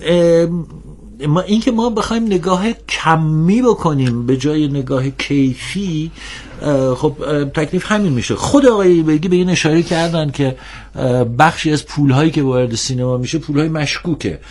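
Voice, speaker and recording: A man speaking as a guest on a televised discussion show, earnest and critical, pausing often with drawn-out filler sounds. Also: fairly high pitch, darkish tone. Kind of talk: TV panel discussion.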